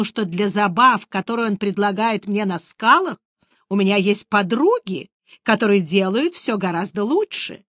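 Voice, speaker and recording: A woman's voice: on the high side, a bit bright, no echo, studio quality, pitched above the performer's own voice. A woman voicing a capricious young female siren who squeals and complains in a singsong voice.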